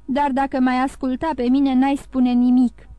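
A woman's voice: high voice, level tone, dark tone, clean tone, no room sound, voice pushed up, close to an everyday voice. A woman voicing a fearful, anxious innkeeper's wife with a muffled voice in an audiobook. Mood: wary.

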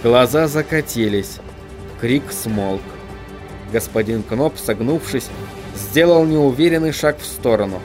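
A man reading an audiobook as narrator, with an expressive reading. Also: medium pitch, measured pace, soft background music. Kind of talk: scripted narration.

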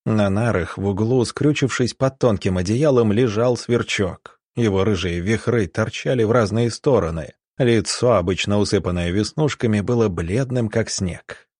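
A man narrating an audiobook in a steady, even storytelling manner. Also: on the low side, moderate pace, few pauses, husky, no echo, clean studio sound. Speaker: audiobook reader.

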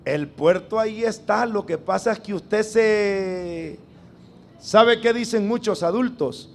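A man's voice: sits high, slow pace, a little hiss or hum. A man preaching a sermon to a congregation, emphatic and drawn out, calling on them to repeat after him.

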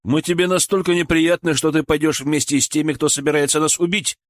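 A man's voice: on the high side, fairly even intonation, brisk, dry recording, studio quality, voice pushed up, lightly acted. A man reading an audiobook, voicing an indignant husband who reproaches an ungrateful woman. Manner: exasperated, reproachful. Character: indignant middle-aged man, protective husband.

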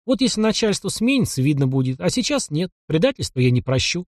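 A man's voice: sits high, very animated, quick pace, no echo, clean studio sound, voice pushed up. A man voicing a young hunter who is bold, sly and defiant, talking in a mocking, cocky way. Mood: scheming.

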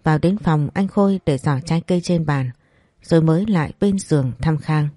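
Low-voiced woman narrating a story. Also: a little fast, mellow, dry recording, studio quality. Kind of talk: first-person story narration.

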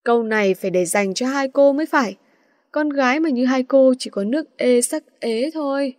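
A composed young male teacher answers with weary, dry calm in a storybook tale, put on by a woman narrator. The voice sits high. The recording is close and dry. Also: normal speed, no room sound, close to an everyday voice.

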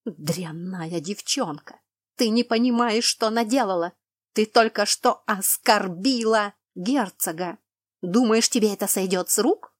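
A woman voicing an angry middle-aged lady's maid who scolds in a loud, shrill voice. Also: unhurried, no room sound, studio quality, lightly acted. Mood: scolding.

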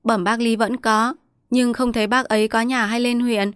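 A woman's voice: on the high side, flat delivery, moderate pace, clean tone, no room sound, studio quality, pitched above the performer's own voice, natural voice. A woman narrating as a timid male farmhand. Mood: deferential. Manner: polite, hesitant. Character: humble male tenant farmer, deferential.

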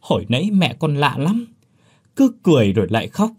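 A man's voice: on the high side, huge pitch swings, fairly quick, mellow, slightly rough, pitched above the performer's own voice, full character voice. A man voicing a terrified young male servant who stammers and screams in panic in a spoken horror story. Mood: stammering fear.

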